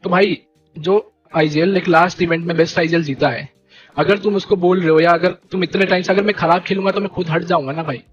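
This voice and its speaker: A young man leading a gaming team, ranting to his stream viewers in an animated, indignant way and repeating fillers. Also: sits high, quick pace, lo-fi sound, soft background music. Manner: animated and indignant, keeps repeating "theek hai" and "bhai". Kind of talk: heated live-stream rant.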